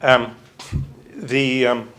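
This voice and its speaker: A man's voice: mid-range voice, little pitch movement, very slow, fairly bright tone. British man giving a university lecture. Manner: conversational, thinking aloud with restarts. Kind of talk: university lecture with audience questions.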